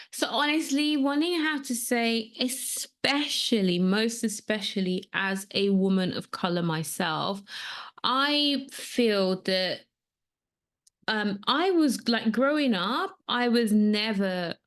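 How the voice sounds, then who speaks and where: A woman in her thirties, born in Nigeria, hosting a solo podcast in an earnest, conversational way with frequent fillers. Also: on the high side. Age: 30s. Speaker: podcast host and coach. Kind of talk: casual solo podcast talk.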